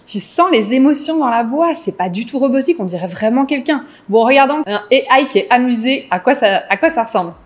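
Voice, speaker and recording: A woman's voice: fairly high pitch, lively intonation, brisk, few pauses. A woman hosting a casual business vlog, chatty and enthusiastic, piling on superlatives as she talks to her viewers. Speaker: business content creator host. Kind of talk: casual vlog talk to camera.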